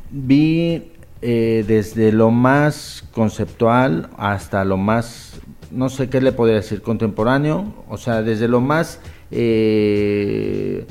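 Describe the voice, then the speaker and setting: Host, man, Mexican accent, mid-pitched, flattering and rambling. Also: gravelly. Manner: lively, effusive, rambling with many restarts. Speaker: interviewer host. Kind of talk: casual interview.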